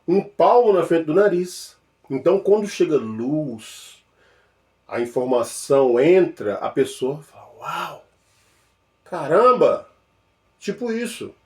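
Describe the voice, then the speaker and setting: A man with a Mineiro Brazilian accent giving an informal spiritual teaching, playful and animated, shifting between loud exclamations and soft murmured repetitions. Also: mid-range voice. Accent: Mineiro Brazilian Portuguese. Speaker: spiritual speaker.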